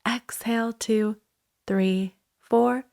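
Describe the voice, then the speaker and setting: A woman instructor leading a guided breathing meditation in a soothing, unhurried way, leaving pauses between short instructions. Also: on the high side, steady tone, vocal fry, darkish tone.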